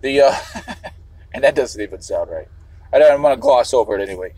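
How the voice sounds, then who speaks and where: A man's voice: mid-range voice, animated, fairly quick, dark tone, slightly rough, no echo, low-quality recording. A man from the Chicago area, talking in a rambling livestream monologue while driving. He swears freely and keeps restarting sentences. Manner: meandering, restarts, swears often.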